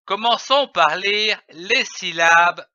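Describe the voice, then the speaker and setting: A man giving a slow, scripted reading lesson for young children, spelling out letters and syllables one by one. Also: high voice, pushed and bright, no room sound, lo-fi sound. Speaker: reading teacher.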